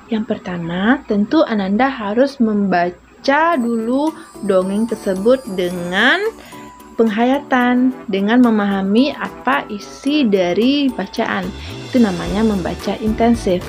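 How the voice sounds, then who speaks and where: A woman primary school teacher giving a video lesson to children, explaining gently and prompting with small asides. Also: fairly high pitch. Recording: music playing underneath.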